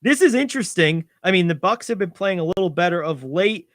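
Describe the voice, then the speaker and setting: A young man co-hosting a sports radio show, animated and confident as he talks through football picks, piling on "I think". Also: high-pitched, a little fast, no room sound, clean studio sound. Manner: animated, gets louder when excited, many "I think"s. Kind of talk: sports betting talk.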